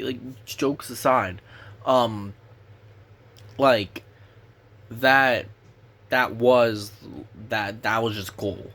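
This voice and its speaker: A young man talks through a casual movie review with a sore throat. His voice sits at an ordinary middle pitch. He rambles, restarts his sentences and swears in passing. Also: fairly bright tone.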